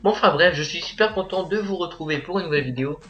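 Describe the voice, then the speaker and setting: A teenage boy narrating a software tutorial as a voice-over, hesitant and full of filler sounds. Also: on the high side, fast, lo-fi sound, soft background music. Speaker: tutorial maker.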